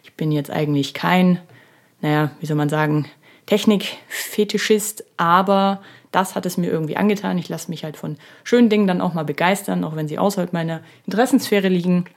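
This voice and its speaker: A woman's voice: on the low side, a little fast. Self-ironic woman in her thirties, podcasting. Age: 30s. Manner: chatty and self-ironic, many filler sounds. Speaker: podcast host. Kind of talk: casual solo podcast monologue. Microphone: studio microphone.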